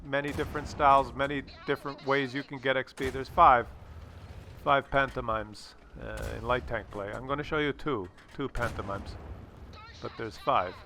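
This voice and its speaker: With a slightly high voice that's bright and forceful, the host of a gameplay commentary video chats casually over a game replay. His humour is jokey and crude, he tends to repeat himself, and there's a little background noise.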